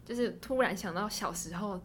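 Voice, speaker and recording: A young woman with a Taiwanese Mandarin accent, co-hosting a podcast and telling stories in a rapid, breathless casual chat. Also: mid-range voice, a bit bright, slight background noise. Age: young adult. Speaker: podcast co-host.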